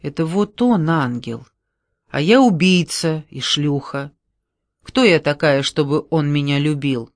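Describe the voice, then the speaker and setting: A man's voice: fairly high pitch, measured pace, no echo, clean studio sound. A man reading an audiobook, voicing a desperate, tearful young woman in a raised, pleading voice.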